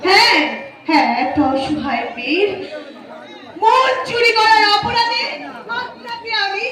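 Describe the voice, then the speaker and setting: A woman's voice: very high voice, expressive, a little slow, a bit bright, some chatter behind, exaggerated voice. A woman playing a heartsick young policewoman. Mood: playful. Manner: declamatory, stage-projected delivery with emotional outbursts. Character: young woman police officer, devoted lover. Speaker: stage actor. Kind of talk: live folk-theatre melodrama. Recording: echoey live stage from far off. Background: music and audience.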